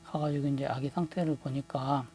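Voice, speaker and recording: A man's voice: medium pitch, flat delivery, fairly quick, mellow, soft background music. A man in his thirties telling a personal story in a casual monologue, hesitant, with many fillers and restarts. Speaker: vlogger, husband recounting a story.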